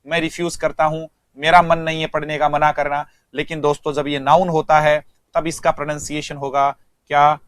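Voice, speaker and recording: A man's voice: a little high, little pitch movement, moderate pace, fairly bright tone, clean tone, dry recording, studio quality. A male English teacher giving an online vocabulary lesson, speaking, repeating words and quizzing students.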